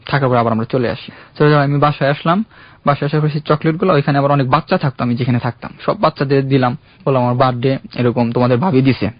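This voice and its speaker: A man's voice: medium pitch, steady tone, racing, dry recording. Young man earnestly telling his story. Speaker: caller. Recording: dull, dry radio studio sound.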